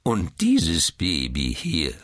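A man's voice: sits low, wildly swooping pitch, very slow, a bit bright, no echo, clean studio sound, full character voice. A man voicing a peevish newborn who is seventy years old, with a cracked, quavering voice and a whining manner. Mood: whiny.

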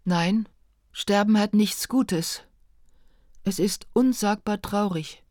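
A woman reading a first-person narration in a calm, measured, reflective way. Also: medium pitch, no room sound, studio quality. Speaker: audiobook narrator.

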